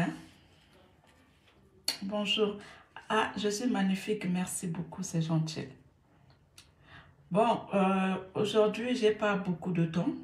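Woman, live-stream host, slow and repetitive, roomy echo. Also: mid-range voice, a little mellow. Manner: repeats words over and over, mixing French and Lingala. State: a little irritated. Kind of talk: casual live-stream monologue.

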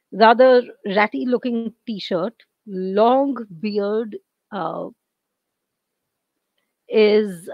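Indian english woman, lecturer, hoarse voice, clears her throat, dull dry computer-mic sound. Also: mid-range voice, no room sound. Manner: clears throat often, explanatory. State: losing her voice. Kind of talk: online lecture.

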